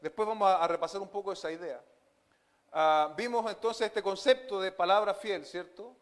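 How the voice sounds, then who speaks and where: Man, pastor, expository sermon, earnest, fillers and amens, fairly high voice. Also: normal speed.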